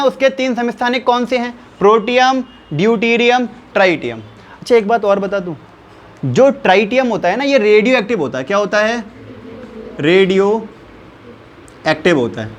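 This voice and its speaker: A man with a high-pitched voice teaches a chemistry lesson. He slows down to spell out each value step by step. He keeps asking his listeners questions and repeating the key terms back to them. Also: animated. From India.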